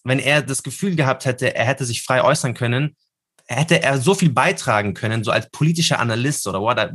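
A man speaks as a guest in a relaxed interview, his voice sitting a little low. He reflects aloud in long, rushing runs of thought. The sound is dry and close, with no room around it. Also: no echo. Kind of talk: casual conversational interview.

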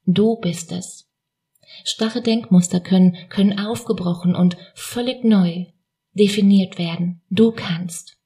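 Mellow, unhurried woman coaching the listener. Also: mid-range voice, steady tone. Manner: informal, gently encouraging, reflective questioning. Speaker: self-help coach and host. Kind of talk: motivational talk addressed directly to the listener.

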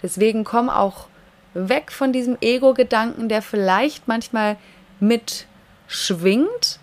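A woman's voice: a little high, takes it slowly. A woman coach talking directly to her listener in a solo advice podcast, emphatic and frequently checking in with tag questions.

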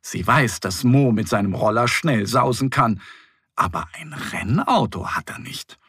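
A man narrating a scripted children's story in a gentle, expressive reading style. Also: medium pitch, unhurried, breathy edge, no room sound, clean studio sound.

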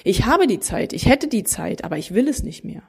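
A woman in her thirties speaks casually and directly to her viewers. She is animated and emphatic. She often acts out the voices of other people. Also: medium pitch, brisk, slightly rough. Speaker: mother of three. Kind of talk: casual talking to camera.

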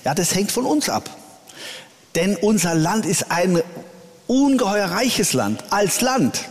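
A man, a church leader, answering interview questions earnestly, often pausing with hesitations. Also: high voice, very animated. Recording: long reverb.

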